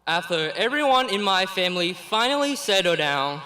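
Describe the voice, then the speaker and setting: A Vietnamese teenager in his late teens, whose first language is Vietnamese, reads his prepared commencement speech as the graduating student. His high voice is sharp and very animated, and he comes across as an earnest young man who speaks deliberately, slipping small laughs between phrases. A slight hiss or hum runs through the audio.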